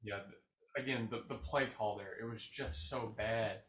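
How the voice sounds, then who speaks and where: A man's voice: fairly low pitch, normal speed, a bit bright. A young man co-hosting a podcast, chatting about sports in a laid-back, agreeable way. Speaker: podcast co-host. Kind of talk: casual sports chat. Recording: roomy echo.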